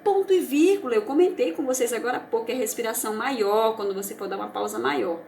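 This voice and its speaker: A primary school teacher with a Brazilian Portuguese accent reviews a lesson for young children, patient and encouraging, often checking that they follow. She has a fairly high, darkish voice and talks fast, with slight background noise.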